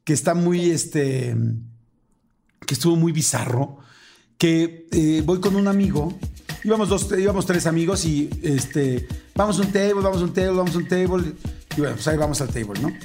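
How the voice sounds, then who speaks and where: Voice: medium pitch, moderate pace, over music. A host with a Mexican accent chatting casually, reacting with frequent short replies before telling a story of their own. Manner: relaxed, frequent backchannel, chatty. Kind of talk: casual chat.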